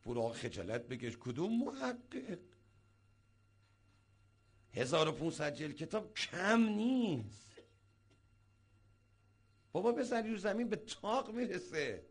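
A man, a cleric, preaching a sermon as an animated storyteller who acts out the people he quotes. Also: high-pitched, pauses often, slightly rough.

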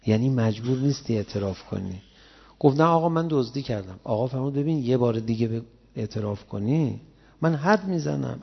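A man preaching a sermon, telling stories in a conversational way and rising to loud emotional cries. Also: medium pitch, gravelly, slightly rough. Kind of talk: sermon with storytelling. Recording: dull lo-fi sound with long hall reverb.

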